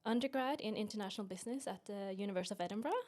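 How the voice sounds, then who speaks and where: A woman's voice: medium pitch, rapid-fire, a little mellow. A young woman from Norway, a podcast guest giving friendly, brief answers about her background. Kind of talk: casual chat.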